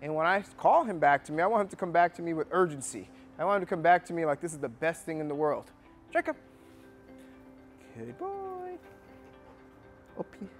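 A man working as a dog trainer, teaching a hands-on training lesson indoors and coaching with upbeat praise. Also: fairly high pitch.

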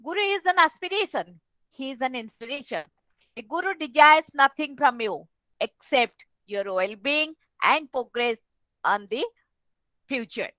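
A woman's voice: sits high, lively intonation, a little slow, pushed and bright, dry recording, rough recording. A middle-aged woman with an Odia Indian accent, hosting a webinar in a formal address over a headset. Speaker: webinar host. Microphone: headset on video call.

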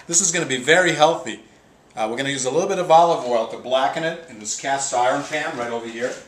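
A man's voice: mid-range voice, fast, a little hiss or hum. A middle-aged man hosting a casual home cooking show, chatting upbeat as he works at the stove. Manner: chatty, upbeat, talks while working at the stove. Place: home kitchen, indoors. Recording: echoey kitchen with loud sizzling.

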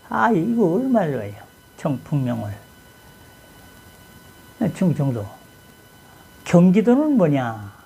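Gravelly, husky man musing to viewers. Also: a little high, mellow, poor audio. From Chungcheong, Korea. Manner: folksy, full of rhetorical questions and prompts. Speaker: channel host. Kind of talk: casual talk on classic texts.

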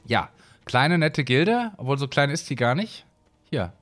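A man from Hesse talks casually over his gameplay, rambling along with plenty of fillers and restarts. His voice sits at an ordinary middle pitch, recorded close on a desk microphone. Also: big pitch swings, a little slow, a bit bright, faint music behind. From Hesse, Germany. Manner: chatty, rambling, many fillers. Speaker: let's play host.

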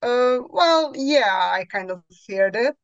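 A woman's voice: a little high, lively intonation, slow pace, clear, resonant tone, no room sound, lo-fi sound. Croatian woman guest on a video call. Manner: searching for words, many fillers. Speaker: podcast guest. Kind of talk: conversational interview. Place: home room, indoors. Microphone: headset on video call.

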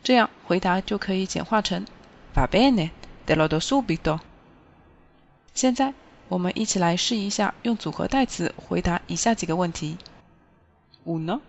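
Woman, language teacher, clear step-by-step explaining, mid pitch, dull lo-fi recording. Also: lively intonation, moderate pace, long pauses.

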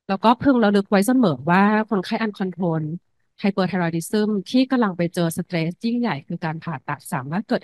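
A woman's voice: lowish voice, darkish tone, no echo, rough recording. A woman lecturer in internal medicine giving a medical lecture, explaining step by step and dropping English medical terms into her speech.

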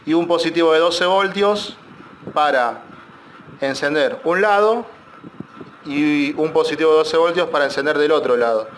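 A man's voice: on the high side, slight background noise. A man, a repair technician talking through a circuit board in a loose, explanatory way with many fillers and restarts. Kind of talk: casual technical tutorial.

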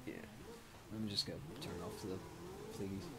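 A man with a hoarse throat, rambling casually through gameplay commentary with lots of fillers. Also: low voice, steady tone, moderate pace, background noise. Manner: rambling, many fillers and self-mocking laughs. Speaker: game streamer. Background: game music.

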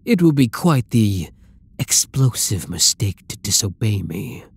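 In an ASMR roleplay, a man voices a dominant, obsessive supervillain taunting a captured hero in a scripted dramatic monologue. His lowish, breathy, husky voice is very animated and fully in character. He sounds menacing, speaking slowly and possessively and often dropping to a whisper.

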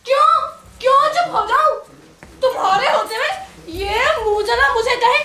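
Picture a shrill village mother, nagging and sing-song, as a woman acts her on stage. Her voice sits very high. The stage echoes around her and loud noise runs under every line. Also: normal speed. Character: shrill scolding village mother, middle-aged wife. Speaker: stage actor. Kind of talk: live stage play acting. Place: theatre stage.

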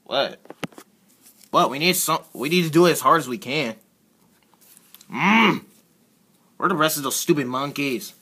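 Man, high bright voice, husky, unhurried, halting improvised character play. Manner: halting, excitable, repeats words and stumbles. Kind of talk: improvised character play-acting for a fan video.

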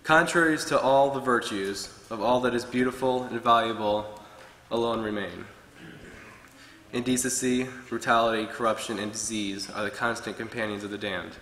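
In a large, echoey church hall with wood-paneled walls, a young adult man gives a sermon at a pulpit, earnestly following his notes. His mid-range voice is bright and forceful, with a steady tone at normal speed. Long reverb and slight background noise color the sound.

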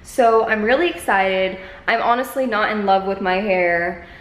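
Speaking a little slowly in a mid-range voice, a woman in her twenties gives a casual to-camera vlog with the camera held at arm's length. The setting is a medium-sized living room indoors, bare enough to make the audio echo.

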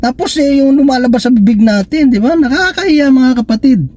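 A man's voice: very high-pitched, lively intonation, brisk, mellow, slight background noise. A Filipino preacher giving a casual, conversational sermon that mixes in English, often asking his listeners "right?" and joking with them. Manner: conversational, asks "di ba?" and "no?" often, jokes.

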